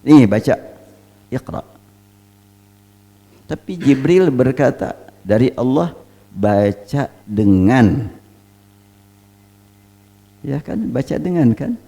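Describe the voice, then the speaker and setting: Slow, gravelly male Quran teacher. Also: medium pitch, animated, mellow. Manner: emphatic, asks and answers rhetorical questions; recites Arabic phrases slowly. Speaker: Islamic teacher. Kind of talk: Quran study lecture.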